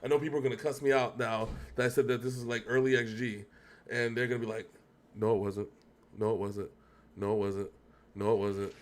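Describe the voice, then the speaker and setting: A man with a lowish voice talks fairly quickly and with a flat delivery. He's a co-host on a reaction show, chatting casually in a rambling, talkative way and correcting himself repeatedly.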